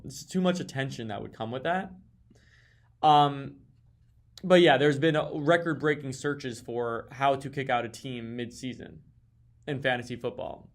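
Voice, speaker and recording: A man giving a casual, mock-serious rant as a league commentator, sarcastic and swearing, with sudden exasperated outbursts. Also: mid-range voice. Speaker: fantasy football league commentator.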